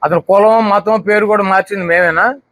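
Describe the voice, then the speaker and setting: A man's voice: sits high, fairly even intonation, brisk, fairly bright tone, no room sound. A man giving a heated political press statement, firing off rhetorical questions one after another. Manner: combative, fires rhetorical questions. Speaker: political spokesperson at a press meet.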